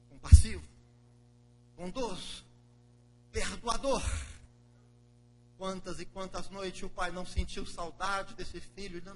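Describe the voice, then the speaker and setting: A man's voice: high-pitched, sharp tone, slight background noise, poor audio. A man, a pastor, preaching a sermon in a church with dramatic storytelling.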